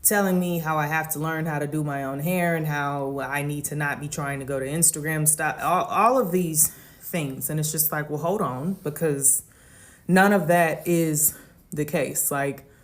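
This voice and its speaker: A low-pitched American woman speaks in a casual storytime style. She explains her situation plainly and matter-of-factly, as if addressing social media followers. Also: moderate pace. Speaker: salon client.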